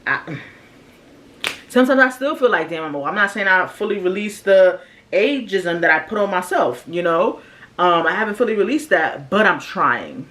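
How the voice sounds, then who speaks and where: A lowish, expressive voice with a fairly bright tone belongs to this American vlogger in her early thirties, who talks at a moderate pace over slight background noise. She reflects casually and candidly to viewers in slangy, conversational terms.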